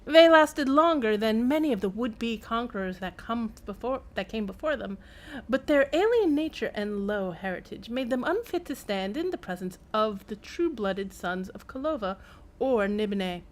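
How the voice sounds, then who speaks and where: A woman voices a pompous old imperial chancellor from a fantasy game, dramatically reading his journal aloud in a self-important mood. Her voice is on the high side and close to everyday speech, with lively intonation at a normal speed.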